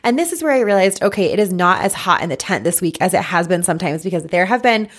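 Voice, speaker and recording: A woman from the United States co-hosting a podcast, chattily recapping a TV episode with quick laughs. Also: fairly low pitch, expressive. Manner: chatty, laughing, recounting scenes. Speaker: podcast co-host. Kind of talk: casual recap chat.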